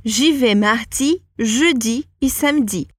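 High-voiced woman teaching French slowly. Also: no echo. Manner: slow, careful model sentences for repeating. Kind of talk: language lesson with repetition drills.

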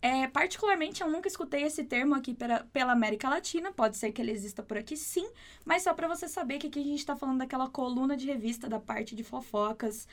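High-voiced woman teaching Spanish. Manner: explains patiently, repeating words slowly and clearly. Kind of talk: online language lesson.

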